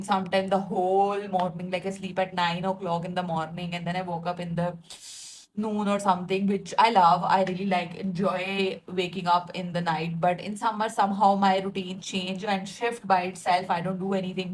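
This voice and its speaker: A woman in her 20s with a mid-range voice, recorded roughly with slight background noise. She's a vlogger rambling casually to her followers, chatty and self-mocking, laughing often and packing her speech with "like" and other fillers.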